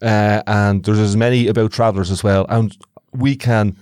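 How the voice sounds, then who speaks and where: Irish guy on a podcast, easy chat, thinking out loud, dry close sound. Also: on the low side, steady tone, normal speed, smooth, no echo. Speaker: podcast co-host. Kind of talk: casual reflective podcast chat.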